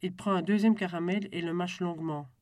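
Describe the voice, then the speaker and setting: An audiobook narrator reading a novel in a calm, even storytelling voice. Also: mid-range voice, brisk, dry recording, studio quality.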